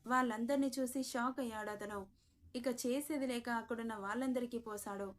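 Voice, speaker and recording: A woman narrating a story, lively and chatty, speaking to her listeners. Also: a little high, moderate pace.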